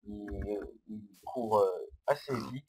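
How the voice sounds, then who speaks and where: A man giving casual, hesitant gameplay commentary, explaining step by step on a low-quality microphone. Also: slow, loud music behind the voice. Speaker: Minecraft let's-player.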